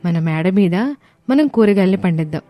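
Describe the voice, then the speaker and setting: A woman's voice: on the low side, lively intonation, brisk, warm tone, no room sound, faint music behind, close to an everyday voice. Give me a woman voicing hopeful young daughters-in-law in a cartoon story, close and dry. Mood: eager. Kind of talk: animated storybook voice acting.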